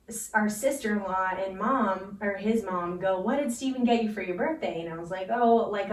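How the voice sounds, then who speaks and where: A woman's voice: medium pitch, a little hiss or hum. A young woman co-hosting a podcast, telling a long story in a rambling way, laughing often and swearing freely. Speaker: podcast co-host. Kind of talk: casual chat. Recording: echoey room, mic at a distance.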